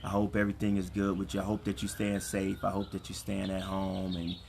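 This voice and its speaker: Deep, gravelly man encouraging couples from a backyard. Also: completely flat delivery, a little fast, darkish tone. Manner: earnest, repeats phrases for emphasis. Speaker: co-host of a relationship ministry livestream. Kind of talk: casual chat with preacherly encouragement. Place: outdoors in a backyard. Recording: some background noise, outdoor livestream.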